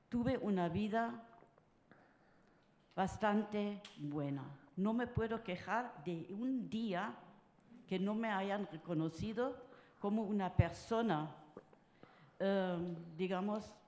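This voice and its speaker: An older woman from France speaking at a round-table panel, halting and full of filler sounds. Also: mid-range voice, a little mellow. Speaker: conference panelist. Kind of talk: personal talk at a round table. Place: conference hall. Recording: roomy conference hall sound.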